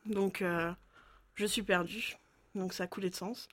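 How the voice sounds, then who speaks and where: A young woman, an art student, speaking haltingly as a guest in a radio interview. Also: medium pitch, steady tone. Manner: hesitant, halting. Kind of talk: casual radio interview chat.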